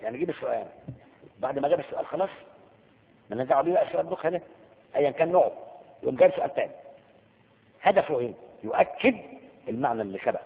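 A man's voice: mid-range voice, vocal fry. A man with an Egyptian accent giving a lecture on Quranic rhetoric, asking his listeners rhetorical questions and acting out stories dramatically. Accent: Egyptian Arabic. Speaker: religious teacher. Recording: tinny phone-like sound with long hall reverb.

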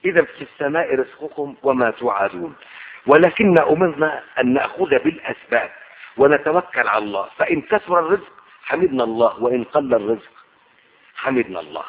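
A man's voice: mid-range voice, expressive, fast. Guy preaching a sermon, emphatic, sounds like an old tinny radio broadcast. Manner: emphatic, rising to fervent oaths. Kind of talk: Quranic sermon and commentary.

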